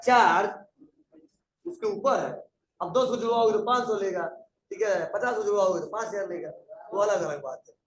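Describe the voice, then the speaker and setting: High-voiced man lecturing a class. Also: normal speed, recorded from a distance, a little hiss or hum. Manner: conversational, asks the class questions. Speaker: computer teacher. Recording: echoey room, voice from afar.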